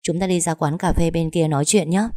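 Woman doing a gentle young woman, soft and calm, low voice, mellow tone, storybook. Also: a little fast, dry recording, clean studio sound, close to an everyday voice. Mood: friendly.

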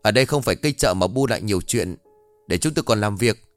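A man's voice: on the low side, expressive, fast talker, no room sound, soft background music, lightly acted. A man voicing an impatient male village official who talks curtly and dismissively. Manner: curt, dismissive.

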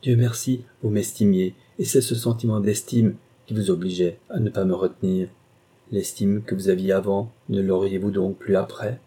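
Male reader doing an anguished young governess in love, husky, raised pitch, audiobook. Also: steady tone, moderate pace, warm tone. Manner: impassioned, pleading. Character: passionate young woman governess torn by love. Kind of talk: audiobook dialogue reading.

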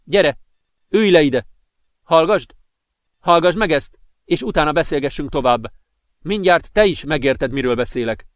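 A man's voice: fairly high pitch, pauses often, dry recording, clean studio sound, lightly acted. A man voicing an agitated, volatile young man who talks insistently and flares into fury. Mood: excited. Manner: excited, insistent, increasingly furious.

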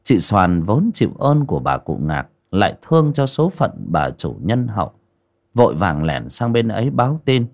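A man giving slow, dramatic scripted narration of a dark folk story. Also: on the low side, sing-song.

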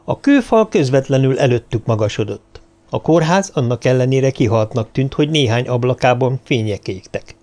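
Man, audiobook narrator, mid-range voice, steady scripted reading. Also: medium pitch.

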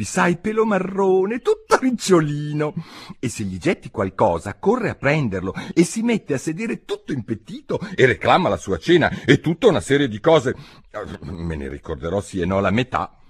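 A man's voice: mid-range voice, huge pitch swings, normal speed, slightly rough, pitched above the performer's own voice. A man voicing a well-meaning, talkative young girl in an audiobook, raising his voice to sound girlish. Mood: chatty. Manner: eager, chattering, tactless.

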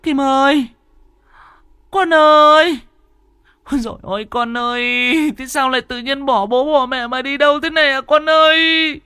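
A man voicing a grief-stricken village mother who wails and sobs in a shrill falsetto. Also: fairly even intonation, measured pace, sharp tone, dry recording, exaggerated voice. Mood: wailing. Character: wailing village mother, grief-stricken middle-aged woman.

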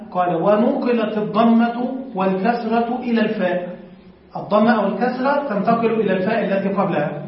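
A sheikh with a high voice gives a classroom lecture. He reads lines from a text, breaks them down, and keeps quizzing his students. The recording is dull and lo-fi, caught from a distance in a very echoey room. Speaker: sheikh teaching Arabic morphology.

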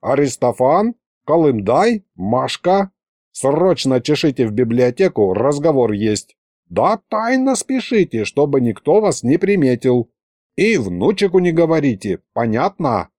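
A man voicing a shrewd, kindly old grandfather who talks slowly in a folksy, coaxing way. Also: medium pitch, sing-song, darkish tone, no echo, clean studio sound. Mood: urgent.

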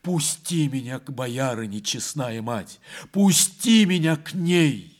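A man voicing a young nobleman, desperate and urgent, pleading loudly in an audiobook. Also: mid-range voice, lively intonation, takes it slowly, voice pushed up.

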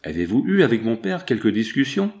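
A man's voice: on the low side, sing-song, fairly quick, darkish tone. A man reading the part of a passionate young woman in love, pleading and emotional. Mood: anxious.

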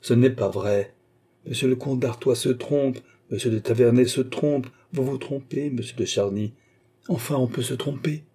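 A man's voice: mid-range voice, normal speed, mellow, breathy edge. A man reading an audiobook, voicing a proud young queen who pleads and protests in raised, indignant outbursts.

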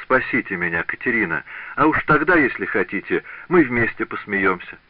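A man's voice: on the low side, very animated, normal speed, no echo, highs cut off. A man voicing a frightened, desperate young male apprentice in an audiobook. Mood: pleading. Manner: stammering, desperate pleading.

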